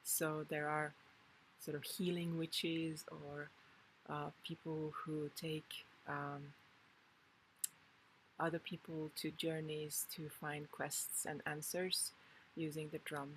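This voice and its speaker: A woman from Finland, a Kundalini yoga teacher talking a class through a calm, unhurried introduction and often pausing to find her words. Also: low-pitched, a little hiss or hum, poor audio.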